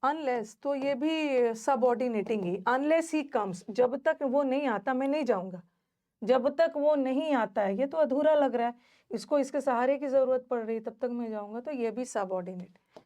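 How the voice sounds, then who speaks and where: A woman's voice: sits high, moderate pace, warm tone. A woman teaching a grammar lesson in Hindi mixed with English terms, explaining step by step, repeating key words and asking the class questions.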